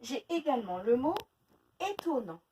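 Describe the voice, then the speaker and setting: A woman teaching a phonics lesson to young children, sounding out words slowly syllable by syllable. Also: high-pitched, very animated, mellow, far from the mic, rough recording. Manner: slow, exaggerated syllable-by-syllable pronunciation. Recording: faint noise, voice a little off-mic.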